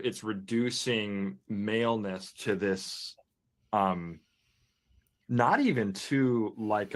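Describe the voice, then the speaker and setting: A man talking through ideas in a conversational, analytical discussion, thoughtfully searching for precise words. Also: low-pitched. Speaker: discussion panelist.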